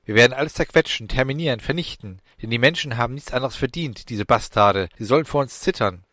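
A man voicing a cocky, bloodthirsty young male demon who talks in a falsely gentle, taunting way in a storybook reading. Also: medium pitch, fast talker, no room sound, studio quality, lightly acted.

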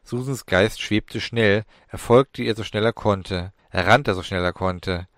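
A man narrates a fantasy story in a measured, dramatic reading. His voice sits on the low side, recorded close on a studio mic with a dry, deadened sound. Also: fairly bright tone, no room sound. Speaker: audiobook narrator.

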